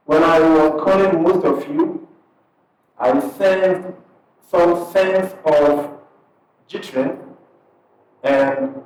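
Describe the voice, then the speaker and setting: A Ghanaian-accented imam and parish missionary addresses a crowd at a community event, easygoing and conversational, his unhurried thoughts coming in short halting pieces. His voice is a little high for a man, darkish in tone with fairly even intonation. He's recorded from far off in a very echoey hall.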